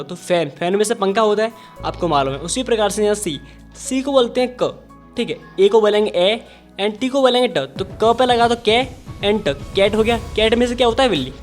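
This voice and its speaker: A man with a high, light voice and a Hindi accent walks learners through English letter sounds. He is patient and repeats himself, checking that each step is clear. Faint music plays underneath. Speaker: English teacher. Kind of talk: phonics lesson.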